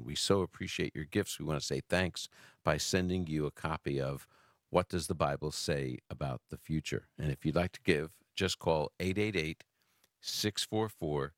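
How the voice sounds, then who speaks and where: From Brooklyn, New York, this American man hosts a casual radio call-in show, answering callers chattily and often repeating and restarting phrases. His rumbling low voice is captured with clean studio sound and no room echo.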